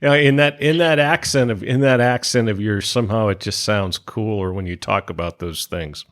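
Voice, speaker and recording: A man's voice: on the low side, normal speed. A man with a Californian accent hosting a casual interview, often repeating his phrases in a joking way. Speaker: podcast host, interviewer.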